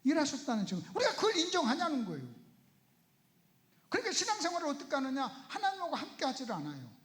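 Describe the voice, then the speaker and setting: A man's voice: very high-pitched, huge pitch swings, fast, a bit bright. A male pastor preaching at a Bible seminar in a church, often putting rhetorical questions to the audience. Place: church sanctuary. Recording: roomy church echo.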